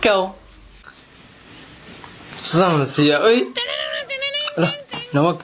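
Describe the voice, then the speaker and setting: A performer acting out comedy skits alone, playing every part and jumping between voices with animated delivery. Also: mid-range voice, extremely slow, background noise.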